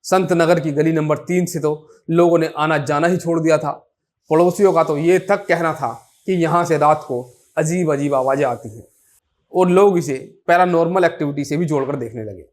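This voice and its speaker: Higher-voiced man telling a crime story. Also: a little mellow. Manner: measured, informal, with restarts. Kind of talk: narrated true-crime story.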